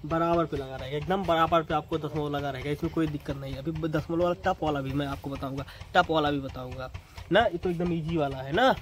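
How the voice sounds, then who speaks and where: A man's voice: on the high side, a little fast, rough recording. Man teaching math at a board. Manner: talks straight to students, repeats points with "na" tags. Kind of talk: casual classroom teaching at a board.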